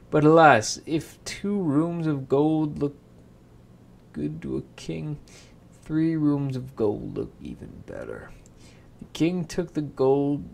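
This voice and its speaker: A man's voice: a little high, vocal fry, a little mellow, slight background noise. A young man reading a fairy tale aloud as a casual bedtime story, unpolished and breaking off to swear and laugh at himself.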